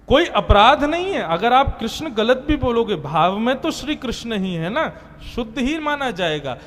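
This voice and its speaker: A man delivering a sermon, telling a devotional story and chanting verses. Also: sits high. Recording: long hall reverb with soft music behind.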